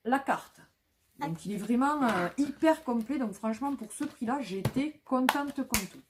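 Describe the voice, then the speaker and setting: A woman's voice: a little high, animated, moderate pace, background noise. A woman vlogging casually about flea market finds, talking with many fillers and restarts.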